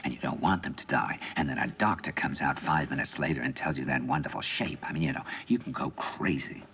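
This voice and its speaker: A man's voice: extremely low pitch, lively intonation, fast talker, gravelly, fairly bright tone, heavily acted. An actor playing an intense middle-aged man confiding over dinner in earnest, probing film dialogue. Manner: earnest, probing, builds to emphatic bursts.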